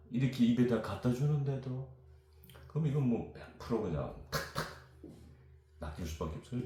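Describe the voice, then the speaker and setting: A man in his fifties from South Korea, telling childhood stories in a rambling, animated way as a guest. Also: fairly low pitch. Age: 50s. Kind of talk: storytelling chat. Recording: very echoey room with music behind.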